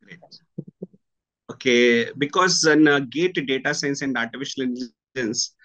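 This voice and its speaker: Halting Indian-accented man interviewing. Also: mid-range voice, fairly bright tone, dull audio. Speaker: interviewer, senior faculty at a coaching academy. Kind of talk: video-call interview. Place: small room indoors with curtains.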